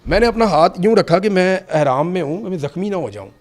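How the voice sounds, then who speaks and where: A man's voice: sits high, animated. A middle-aged man telling his own story to an interviewer, earnest and vivid, his intensity rising and falling. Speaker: interview guest. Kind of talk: personal account in conversation.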